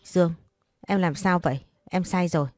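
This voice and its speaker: A man's voice: high-pitched, fairly even intonation, moderate pace, dry recording, lightly acted. A woman reading a smug, pushy young man. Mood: coaxing. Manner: coaxing, insinuating.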